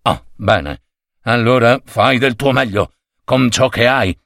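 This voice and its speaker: A man voicing a gruff, grumpy middle-aged male print-shop boss who talks in a curt, weary growl. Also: mid-range voice, expressive, slow pace, fairly bright tone, no room sound, studio quality, exaggerated voice.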